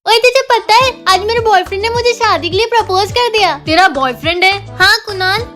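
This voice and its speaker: A woman's voice: extremely high pitch, brisk, pushed and bright. A young woman acting out several playful characters in comedy skits. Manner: playful, switches between characters. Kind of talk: comedy skit role-play. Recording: background music.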